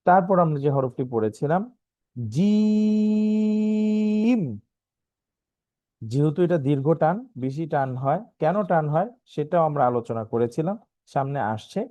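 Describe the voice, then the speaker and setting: A man teaching a free online class, recapping lessons and slowly drilling letter sounds one by one, often asking the class to check along. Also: a little high, warm tone, no room sound, highs cut off. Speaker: Quran language teacher.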